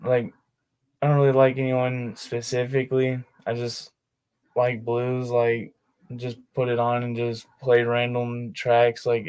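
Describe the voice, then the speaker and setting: A man's voice: medium pitch, darkish tone, clear, resonant tone. A man streaming his tabletop game sessions, chatting casually in laid-back slang with many fillers. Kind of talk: casual livestream chat.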